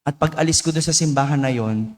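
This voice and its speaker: A Filipino priest with a high voice and a slightly hoarse edge preaches in a conversational way, checking in with his listeners again and again. His voice rings with the long reverb of a large church hall. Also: a little fast, darkish tone. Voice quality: hoarse after vocal cord surgery. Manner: conversational, keeps asking "no?" and "di ba?". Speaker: parish priest. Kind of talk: sermon.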